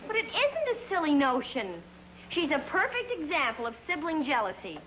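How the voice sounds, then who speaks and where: An actress playing a melodramatic, self-admiring young college student who talks in theatrical, exaggerated alarm, in 1950s sitcom style. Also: female voice, high voice, wildly swooping pitch, normal speed, fairly bright tone, a little hiss or hum, exaggerated voice, rough recording. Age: young adult. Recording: old TV soundtrack, studio audience laughter.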